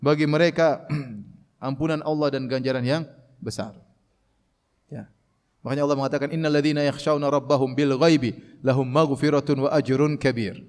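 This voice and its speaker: A man giving an animated sermon on Quranic commentary, reciting Arabic verses slowly and raising his voice to mimic people shouting. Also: mid-range voice. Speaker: preacher. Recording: long hall reverb.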